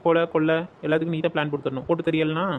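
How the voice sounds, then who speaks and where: A man's voice: a little high, level tone, phone-quality sound, a little hiss or hum, close to an everyday voice. A man voicing a brash, pushy young village man in a cartoon, ordering people about. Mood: bossy. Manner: bossy, rapid-fire demands. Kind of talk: dubbed cartoon dialogue.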